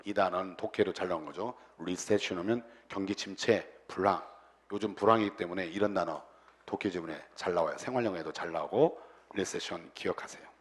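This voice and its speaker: A man's voice: low-pitched, fairly quick. A middle-aged man teaching an English vocabulary lecture, breaking words into roots and repeating their meanings in chanted lists for students to echo. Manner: has students repeat pronunciations after him.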